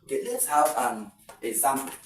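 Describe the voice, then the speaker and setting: A man's voice: medium pitch, big pitch swings, moderate pace. Teacher guy, repeats himself a lot, sounds far from the mic in a roomy space. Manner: repetitive, explains step by step. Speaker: English teacher. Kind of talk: exam-prep lesson. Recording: echoey room, mic far off, faint noise.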